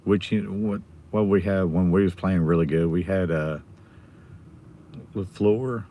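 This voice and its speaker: An American man with his voice nearly gone, chatting casually and quietly as a livestream host while sitting in a car. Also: low voice, steady tone, unhurried. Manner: subdued, holding the volume down. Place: inside a car in a school pickup line. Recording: noticeable background noise in a car.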